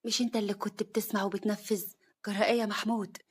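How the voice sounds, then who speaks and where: A woman voicing a scheming, spiteful young wife who sneers and shouts, in a husky, breathy voice. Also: mid-range voice, level tone, very fast, lightly acted. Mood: sneering.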